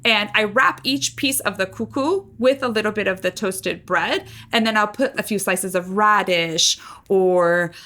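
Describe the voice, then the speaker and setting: A young adult woman co-hosting a podcast in relaxed casual chat, often using "like" as a filler. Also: medium pitch, a little slow. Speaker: podcast co-host.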